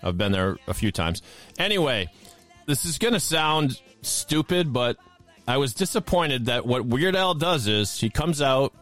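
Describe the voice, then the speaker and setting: A man's voice: medium pitch, sing-song, fairly bright tone, soft background music. A man co-hosting a podcast, chatting casually and joking around. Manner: joking, quick to laugh. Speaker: co-host of a music countdown podcast. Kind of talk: casual chat.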